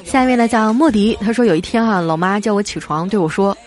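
A woman hosting a radio-style show, reading listener jokes aloud with playful storytelling and drawn-out particles. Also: mid-range voice, darkish tone, faint music behind.

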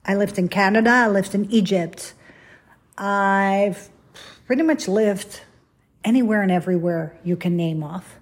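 A middle-aged Dutch woman hosts a podcast alone, rambling through a candid, self-deprecating monologue. Her voice is mid-range with a darkish tone.

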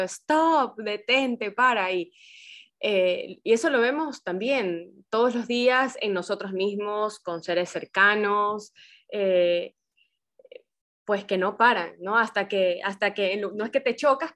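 A woman's voice: mid-range voice, a bit bright. A woman co-hosting a casual talk show, speaking in a reflective, conversational way and adding her own examples.

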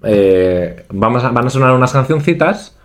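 A man hosting a casual podcast chat, tossing out quick teasing quips and playful interjections. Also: medium pitch, expressive. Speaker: podcast host.

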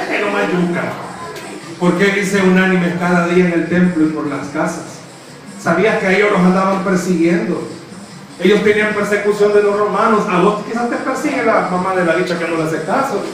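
A man's voice: high-pitched, normal speed, fairly bright tone, recorded from a distance, slight background noise. A young man, preaching a humorous youth sermon, teasing the crowd and acting out quotes. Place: church. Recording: echoey church hall, preacher off-mic, crowd behind.

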